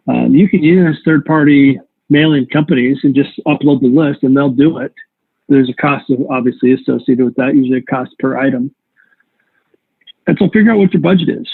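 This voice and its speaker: A man's voice: mid-range voice, dry recording. A man teaching real estate investing in a live online workshop, talking conversationally with rambling asides and self-corrections. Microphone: video call. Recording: tinny call audio, dry.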